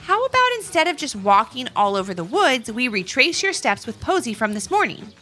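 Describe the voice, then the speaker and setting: A woman doing an excited little girl. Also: a little high, brisk, faint music behind, pitched above the performer's own voice. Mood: friendly. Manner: bubbly, exclamatory. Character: excited young girl, cheerful and eager.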